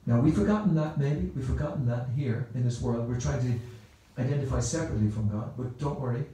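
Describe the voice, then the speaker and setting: Irish guy giving a rambling temple talk, really dark voice, super echoey hall. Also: mid-range voice, brisk. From Ireland. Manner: rambling, conversational, repeats words and phrases. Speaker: temple speaker. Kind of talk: Sunday talk to a temple audience. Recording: very echoey room.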